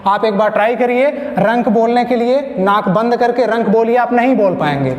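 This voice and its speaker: A man's voice: extremely high pitch, moderate pace. A man teaching Hindi grammar in an online exam-prep class, explaining step by step, asking questions and answering them himself, checking in with the class after each point. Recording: echoey room with long reverb.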